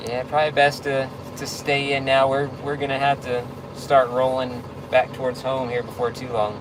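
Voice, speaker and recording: Over clear vehicle noise, a man talks casually as if to a livestream audience, answering questions. His delivery is laid-back and halting, at a medium pitch. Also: monotone. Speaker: tow truck driver livestreaming.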